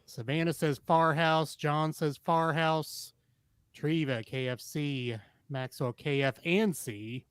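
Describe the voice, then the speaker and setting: A man's voice: on the high side, fairly even intonation, slow pace, a bit bright, clean tone, no echo. A man co-hosting a podcast, laughing often and reading out listener votes in casual chat.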